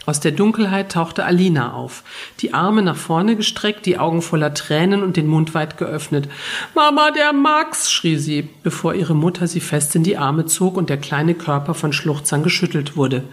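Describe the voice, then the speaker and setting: A woman narrating a first-person novel as an audiobook, telling it in a calm, even way. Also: sits low.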